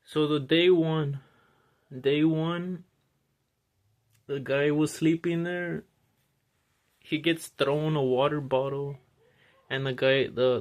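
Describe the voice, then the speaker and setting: A man telling a story casually, rambling, with many restarts and fillers. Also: medium pitch.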